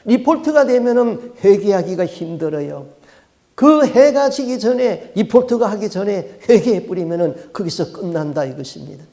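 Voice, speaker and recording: A man preaches a sermon as pastor of his church. His voice sits high but sounds mellow and soft-edged. He tells stories, puts questions to the listeners and hammers on key words. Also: animated, moderate pace. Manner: storytelling preacher asking rhetorical questions; emphatic, repeats key words.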